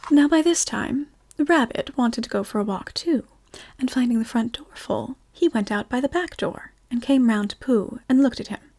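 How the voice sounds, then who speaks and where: A woman reading a storybook aloud in a soft, slow, whispered ASMR style. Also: on the high side. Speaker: ASMR reader.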